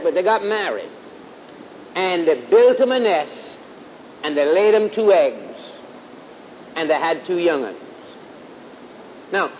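A middle-aged man with a Southern US accent preaches a storytelling sermon in a folksy, drawling way, repeating phrases for emphasis. The lo-fi recording sounds dull, with a clear rumbling hiss.

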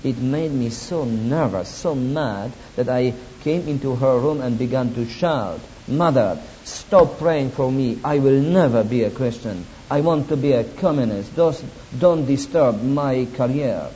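A Polish man, a guest preacher, delivers a sermon in Polish-accented English, weaving in his own testimony with careful, halting non-native phrasing and dry, wry asides. His medium-pitched voice is animated yet mellow. The recording is dull and lo-fi, with a faint hiss.

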